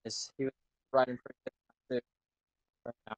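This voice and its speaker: A man answers questions over an online voice chat mic that keeps cutting out, so his volume jumps up and down. He speaks in a flat, level way with lots of fillers. The sound is dry and close. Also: medium pitch, moderate pace, dry recording. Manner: flat, hesitant, many fillers. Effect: uneven volume from a cutting-out mic. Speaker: league racer being interviewed. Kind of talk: casual post-race interview.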